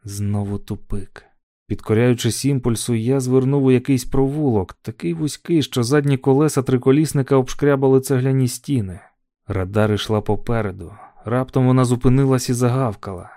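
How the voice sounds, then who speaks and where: A man narrating an audiobook story in a measured, calm telling. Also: medium pitch, dry recording, clean studio sound.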